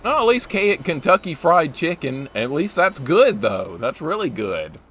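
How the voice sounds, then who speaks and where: A man in his forties streams a game, chatting casually with viewers and reacting as he plays. His fairly high, a-bit-bright voice is very animated yet unhurried, and there's a little hiss or hum on the audio.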